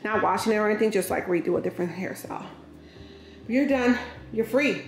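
A woman's voice: mid-range voice, fairly quick, slight background noise. Woman, 30s, home vlogger, casual and laughing, echoey kitchen. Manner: chatty, laughs often, says y'all and girl. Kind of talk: casual vlog chat to camera. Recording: echoey kitchen with soft music.

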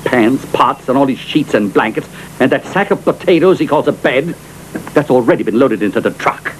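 A man's voice: medium pitch, animated, moderate pace, a little hiss or hum, natural voice, rough recording. Brief: a man voicing a middle-aged snob of a father, scornful, sweeping intonation. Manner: pompous, sneering. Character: haughty rich aristocratic father, scornful and sly. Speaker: wealthy father. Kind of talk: dubbed film acting.

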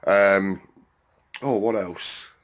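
A low-voiced man speaks very slowly, with a fairly bright tone, in a casual walk-around vlog on his allotment and inside a greenhouse, filming on a handheld phone as he walks. Chatty and rambling, he fills his talk with "um"s and asides to viewers. The recording is dry.

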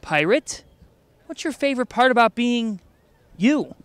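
Brief: young male campus host, high voice, swooping jokey delivery, dry close sound. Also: measured pace, clean tone, no echo. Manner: enthusiastic, jokey, animated. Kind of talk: playful campus report.

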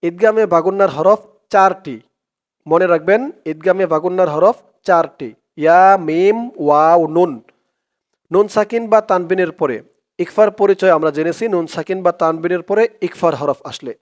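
Male Quran tutor with a Bangladeshi Bengali accent and a high voice, recites and then explains step by step. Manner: recites verse words aloud, then explains the rules slowly and repeats them. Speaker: Quran reading teacher.

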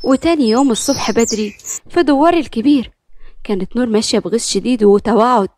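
A woman's voice: on the high side, fast talker, darkish tone, no room sound, studio quality. A woman with an Egyptian accent narrating a serialized drama story. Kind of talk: scripted narration.

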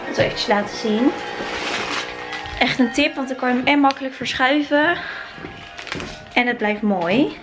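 A woman's voice: sits high, moderate pace, long pauses, over music, poor audio. A young woman in her twenties chatting in a casual vlog, filming herself handheld in an empty new apartment. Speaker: vlogger. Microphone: handheld camera close to the face.

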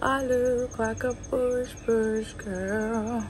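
High-voiced Nigerian woman, unhurried. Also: little pitch movement, a little mellow, faint music behind. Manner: playful, chatty, slips into Pidgin. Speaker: travel and lifestyle vlogger. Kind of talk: casual vlog chat. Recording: crowd chatter and street noise.

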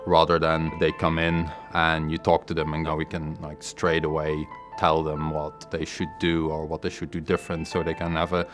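A man's voice: rumbling low, monotone, normal speed, hardly any pauses. A man explaining technical details in a documentary interview, matter-of-fact, often repeating words. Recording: music bed under voice. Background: music bed.

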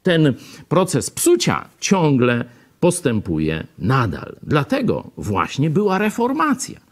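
A man in his sixties, a pastor, giving televised Bible teaching in a studio on a lapel mic, animated and gesturing with both hands. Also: fairly high pitch, slow.

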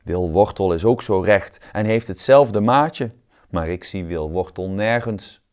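A man voicing a young carrot boy in a read-aloud children's storybook, with a higher, brighter voice than his narration. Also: unhurried, natural voice. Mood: sad. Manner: cheerful, turning tearful and plaintive. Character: brave young two-legged carrot boy.

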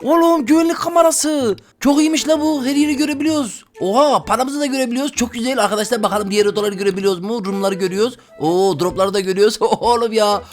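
A man giving excited let's-play commentary as a gaming YouTuber, exclaiming loudly and chatting with his viewers. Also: extremely high pitch, fast, few pauses, soft background music.

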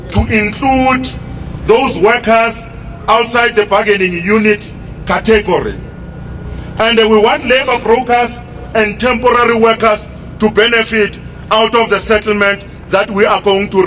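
A middle-aged South African man giving a forceful, roaring rallying speech as a union leader, with emphatic repetition. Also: high-pitched. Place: outdoors in a street crowd outside a building. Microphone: handheld microphone, filmed from some metres away. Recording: distant outdoor PA, crowd and vehicle noise.

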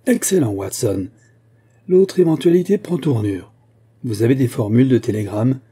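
Man reading as a sharp, ironic detective. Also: mid-range voice, expressive, moderate pace, breathy edge. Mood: assured. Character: brilliant, ironic male detective. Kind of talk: audiobook reading.

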